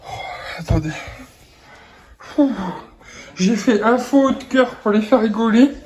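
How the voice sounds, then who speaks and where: A man's voice: very high voice, animated, a little slow, darkish tone. A young man filming a casual family vlog at home, joking, swearing and talking baby talk to his infant. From France. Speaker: vlogger parent. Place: home, indoors.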